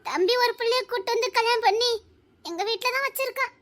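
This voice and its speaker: A woman's voice: extremely high pitch, fast talker, a bit bright. An actress playing a grieving young woman talking with her friend, with an emotional, tearful delivery. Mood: bitter. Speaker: actress in a family drama. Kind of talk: melodramatic dialogue scene.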